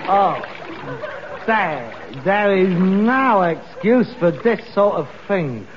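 An actor playing a fussy, exasperated middle-aged working-class son in a British sitcom, scolding theatrically in a London accent. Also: male voice, high voice, animated, takes it slowly. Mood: weary, revolted. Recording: dull, noisy, reverberant old broadcast recording.

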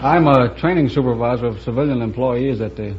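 A man, a quiz contestant, answering in a dry, measured way. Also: mid-range voice. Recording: dull old broadcast, audience and hiss.

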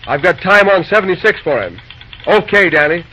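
An actor playing a busy young railroad dispatcher in an old-time radio drama, talking briskly in folksy slang. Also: male voice, sits high, animated, pushed and bright, slightly rough, full character voice. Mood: brisk, urgent. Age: young adult. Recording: dull, noisy old radio recording.

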